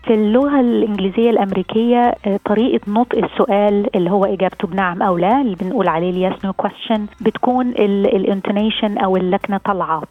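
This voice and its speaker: Egyptian woman explaining, phone-like sound. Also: medium pitch. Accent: Egyptian Arabic. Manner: explains with spoken English examples. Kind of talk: explanatory interview clip. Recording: phone-like narrow band.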